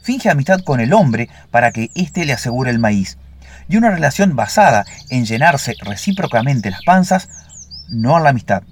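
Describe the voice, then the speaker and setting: A man voicing a vain, suspicious older male lapwing bird with a shrill, screeching voice in a storybook fable. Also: big pitch swings, moderate pace, slight background noise, lightly acted. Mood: lecturing.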